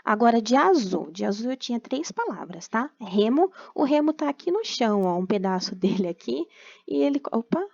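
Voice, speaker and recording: A young Brazilian woman teaching a primary class remotely, patiently explaining and slowly sounding out words. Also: fairly high pitch, very animated, gravelly, a little mellow, no echo. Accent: Brazilian Portuguese. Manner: patient and explanatory, tags phrases with "tá?". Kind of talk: recorded remote class lesson. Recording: dull, dry computer recording.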